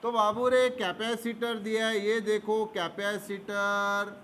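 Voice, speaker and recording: A man's voice: high-pitched, completely flat delivery, takes it slowly, fairly bright tone. A male physics teacher, explaining a problem at the board. He talks patiently, calls his students fondly and answers his own questions. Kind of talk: board lesson. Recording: faint background noise.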